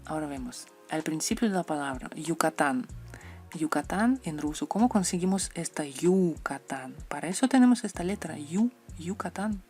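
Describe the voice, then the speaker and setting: Low-voiced woman teaching. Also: expressive, a little mellow, faint music behind. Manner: repeats example sounds slowly, playful asides. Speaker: Russian language teacher. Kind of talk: explaining letters and their pronunciation.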